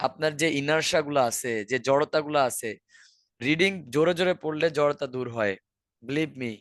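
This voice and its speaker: A man's voice: on the high side, normal speed, a bit bright, no echo. A man with a Bangladeshi accent teaching an online exam-prep class, explaining answers step by step and repeating key words. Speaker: IELTS teacher.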